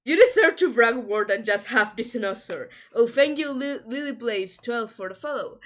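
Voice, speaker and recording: Upbeat woman host of a casual live podcast, quick to laugh and cheer her guest on. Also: a little high, expressive. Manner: enthusiastic, laughs often, encouraging. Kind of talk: casual livestream podcast interview.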